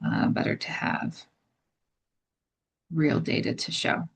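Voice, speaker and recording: A woman presenting software in a webinar, explaining features casually with many fillers. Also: slow pace. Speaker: product presenter. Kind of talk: webinar demo and Q&A.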